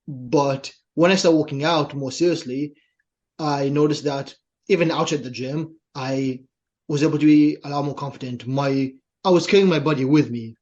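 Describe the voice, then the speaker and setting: A young Israeli man whose first language is Hebrew speaks with an Israeli accent in a somewhat high, darkish voice. As a podcast guest, this fitness trainer tells his story earnestly and often tacks on "right?", and the recording sounds dull and lo-fi.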